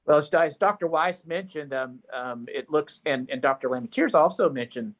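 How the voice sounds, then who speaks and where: A man's voice: on the high side, moderate pace. A man, a doctor, explaining treatments at a press briefing, often repeating words as he goes. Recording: dull lo-fi audio.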